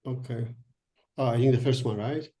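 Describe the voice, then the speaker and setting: A man's voice: medium pitch, steady tone, normal speed, mellow. A man answering audience questions in an online session, talking hesitantly as he searches for his words. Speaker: guest speaker.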